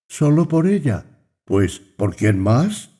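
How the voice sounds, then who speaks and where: A man reading the lines of an earnest, doubting young brother in an audiobook, reasoning slowly. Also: mid-range voice, big pitch swings, warm tone, pitched above the performer's own voice.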